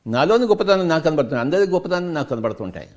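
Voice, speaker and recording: A man's voice: fairly high pitch, sing-song, racing, darkish tone. A man with a Telugu accent giving a spiritual discourse as a meditation teacher, preaching emphatically and firing off rhetorical questions.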